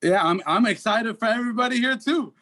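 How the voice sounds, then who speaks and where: A man's voice: very high voice, animated, brisk, bright, forceful tone. A Dominican American man in a casual podcast discussion, explaining his views earnestly with statistics and many restarts. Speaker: podcast co-host.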